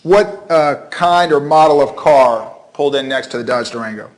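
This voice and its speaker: A man's voice: mid-range voice, normal speed, low-quality recording. A man questioning a witness as a prosecutor in a formal, methodical way, in a courtroom recording.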